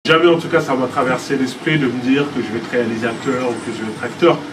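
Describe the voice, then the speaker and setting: A man's voice: medium pitch, quick pace. Man in his thirties, casual interview talk, lots of fillers, distant mic, air-conditioning hum. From France. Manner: relaxed, many fillers and restarts. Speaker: filmmaker interviewee.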